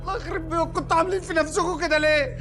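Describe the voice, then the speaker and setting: A frightened, bewildered young Egyptian man who panics at every sound. His voice is high and quick, with music beneath it. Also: fairly even intonation. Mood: scared. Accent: Egyptian Arabic. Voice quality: panicky and confused. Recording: music under the dialogue.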